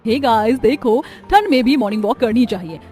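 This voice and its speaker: A woman's voice: on the high side, lively intonation, brisk, dark tone, soft background music, natural voice. A woman voicing a brash, snobbish young city influencer in a cartoon story. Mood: vlogging. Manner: brash, mocking. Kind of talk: cartoon voice acting.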